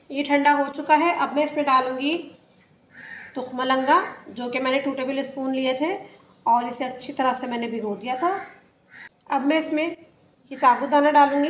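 A woman's voice: high-pitched, roomy sound, a little hiss or hum. A woman hosting a cooking channel, chatting her way step by step through a home recipe. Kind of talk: casual recipe voice-over. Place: home kitchen.

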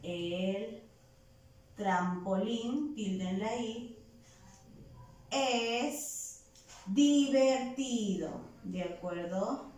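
A woman with a medium-pitched, slightly mellow voice teaches a virtual primary class from far away from the mic in an echoey room. She dictates words patiently and slowly, one syllable at a time.

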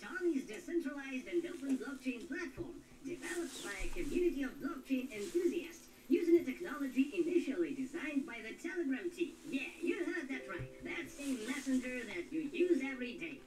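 A woman voicing a cheerful cartoon hamster who explains things in an upbeat, chatty teacher's manner, in an animated explainer clip. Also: sits high, normal speed, hardly any pauses, crowd noise. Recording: roomy and distant.

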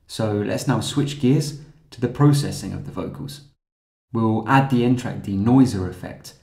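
Guy explaining audio software step by step, lowish dark voice, kinda roomy sound. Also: unhurried, vocal fry. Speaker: software tutorial narrator. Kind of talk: scripted tutorial narration.

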